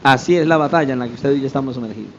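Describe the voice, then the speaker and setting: A man's voice: medium pitch, racing, highs cut off, background noise. A man pastor preaching a sermon, emphatic, throwing rhetorical questions at the congregation.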